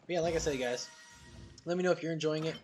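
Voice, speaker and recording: A man's voice: a little high, fast talker, a little mellow, slight background noise. A man giving casual, slangy commentary on a video game, addressing his viewers.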